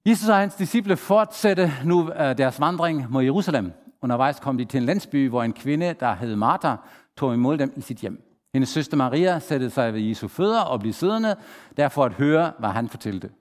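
A man preaching a sermon, lively, asking the congregation questions and acting out the people he quotes. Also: medium pitch. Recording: long hall reverb.

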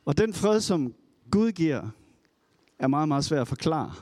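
A man with a fairly high voice preaches a sermon in a relaxed, conversational way. He slips into animated storytelling when he retells a Bible story. The recording is dry and close, with no room sound. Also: no room sound.

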